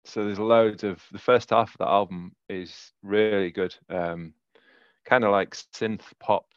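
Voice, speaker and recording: Yorkshire man, low voice, chatty and giggly. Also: fairly even intonation, a little slow, clear, resonant tone, dry recording, muffled recording. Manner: laughing, rambling with many fillers. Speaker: podcast co-host. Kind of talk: casual chat.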